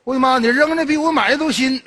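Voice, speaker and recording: An actor playing a stingy, loud-mouthed rural cousin visiting the city, teasing and quick-witted in a Northeast Chinese accent. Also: male voice, extremely high pitch, in a large hall, noisy background. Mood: bantering. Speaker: comedy sketch performer. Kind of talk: comedy sketch dialogue.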